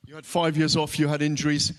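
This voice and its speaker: A man conducts a sports interview, leading with upbeat, polished introductions. His voice sits somewhat high for a man. He is at an arena venue. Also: completely flat delivery, fast. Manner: upbeat, scripted-sounding intros.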